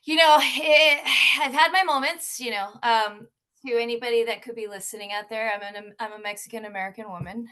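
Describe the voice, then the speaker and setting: A woman from San Antonio, a guest musician talking candidly in an interview, swearing freely and filling pauses with "uh" and "you know". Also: fairly high pitch, steady tone, bright, forceful tone. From San Antonio, Texas. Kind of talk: casual interview talk.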